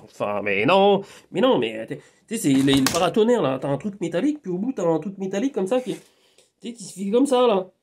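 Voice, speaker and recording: A man's voice: high-pitched, brisk, background noise. Hypnotherapist, male, chatty vlog monologue, swings between muttered asides and sudden exclamations. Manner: animated, talks to an unseen friend, swings from muttering to exclaiming. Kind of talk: rambling casual monologue.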